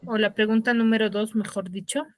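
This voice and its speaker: A woman's voice: medium pitch, fairly even intonation, brisk, no echo. A woman teaching an online class, reading passages aloud, explaining them and calling on students by name. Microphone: computer or phone on a video call.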